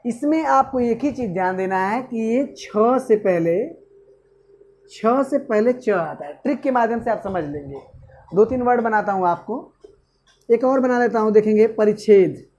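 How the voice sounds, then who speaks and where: Man, teacher, high-pitched voice, exam-prep grammar lesson, quizzes himself aloud. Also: moderate pace, darkish tone, lo-fi sound, slight background noise. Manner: asks and answers own questions, repeats "okay".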